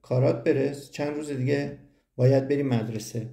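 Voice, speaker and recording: A man voicing a calm, patient father in an audiobook. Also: mid-range voice, creaky, lightly acted. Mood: gentle. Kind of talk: audiobook reading. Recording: roomy echo.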